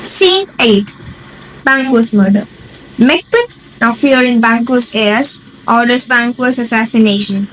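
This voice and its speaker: A woman's voice: on the high side, a little slow, rough recording. A woman reading scripted narration for a stage play.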